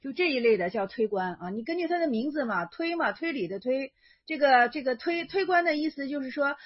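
A woman's voice: high-pitched, lively intonation, fairly quick, muffled recording. A woman explaining an old Chan koan in a casual lecture, thinking aloud and correcting herself as she goes. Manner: thinking aloud, self-correcting, many fillers.

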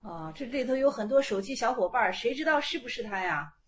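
A woman's voice: on the high side, animated, quick pace, a little hiss or hum. A woman giving an informal online lecture as a Buddhist meditation teacher, often repeating her phrases and growing emphatic as she explains.

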